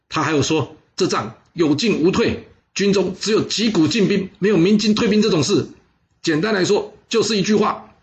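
A man's voice: a little high, muffled recording, close to an everyday voice. Man doing a fiery, rousing war envoy. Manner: rousing, emphatic. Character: fiery male envoy rallying troops.

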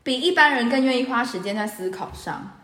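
A young woman with a Taiwanese Mandarin accent, co-hosting a podcast and telling stories in an animated, laughing way. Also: fairly high pitch, a little fast, a little hiss or hum. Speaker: podcast co-host. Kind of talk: casual chat and storytelling. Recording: echoey room.

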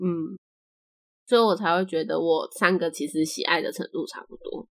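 A woman's voice: on the low side, moderate pace. A young woman from Taiwan with a Taiwanese Mandarin accent, hosting a casual podcast chat and laughing often. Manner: chatty, laughs often, trailing sentence ends. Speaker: podcast host.

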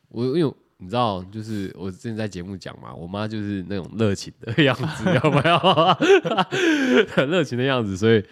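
A man with a Taiwanese Mandarin accent, co-hosting a podcast and telling a story in casual chat, laughing often and swearing casually. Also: fairly low pitch. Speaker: podcast co-host.

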